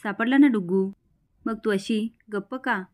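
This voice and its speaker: A woman's voice: medium pitch, measured pace, darkish tone, natural voice. A woman reading as a spiteful jealous young woman. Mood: indignant. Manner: read out within a plain recap.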